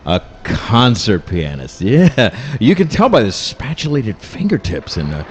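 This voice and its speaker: A man's voice: lowish voice, very animated, unhurried, a little hiss or hum. A man voicing Frankenstein's monster as a rambling stammerer who savors his words in a comedy sketch. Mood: rambling, pleased. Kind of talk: live comedy trailer parody.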